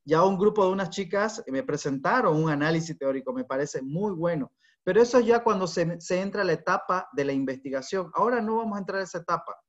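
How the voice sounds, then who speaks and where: A man's voice: high voice, animated, quick pace, muffled recording. A man teaching a university class online, explaining step by step and often checking in with short "¿no?" tags. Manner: explanatory, repeats points with "¿no?" tags.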